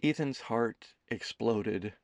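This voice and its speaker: A man narrating an audiobook in an expressive storytelling manner. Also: mid-range voice, takes it slowly, vocal fry, no room sound, studio quality. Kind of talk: scripted narration.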